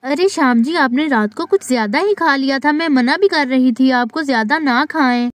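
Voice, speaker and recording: A woman's voice: sits high, normal speed, dry recording, clean studio sound, pitched below the performer's own voice, natural voice. A woman voicing a young village wife in a doll story, fussing and reassuring her sick husband. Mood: worried. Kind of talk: doll story role-play.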